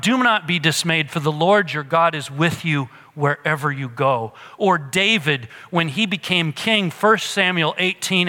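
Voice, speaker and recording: A man preaching a sermon, reading scripture aloud, swinging from urgent emphasis down to a hushed near-whisper. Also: high voice, in a large hall. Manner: reads verses with sweeping shifts from loud urgency to near-whisper.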